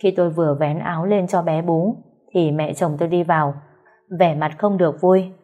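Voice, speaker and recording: A woman tells a first-person story in a calm, measured, sorrowful voice. Her voice sits low. Soft music runs faintly underneath. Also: lo-fi sound. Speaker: narrator. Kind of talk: storytelling narration.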